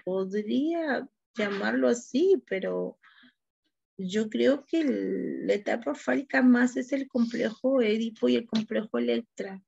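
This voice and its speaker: A woman's voice: a little high, vocal fry, breathy edge, dull audio. A woman teacher with a Peruvian accent, lecturing her class, often asking tag questions and repeating words as she goes. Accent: Peruvian Spanish.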